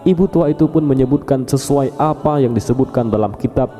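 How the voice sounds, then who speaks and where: A man narrating a religious story in a calm, steady storytelling manner. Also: mid-range voice, brisk. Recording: long reverb over faint background music. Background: faint music.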